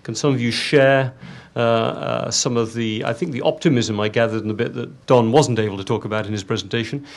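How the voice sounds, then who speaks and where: A man's voice: medium pitch, fairly even intonation, a little fast, gravelly. A man chairing a panel discussion, thinking aloud with fillers and inviting questions from the floor. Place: conference room.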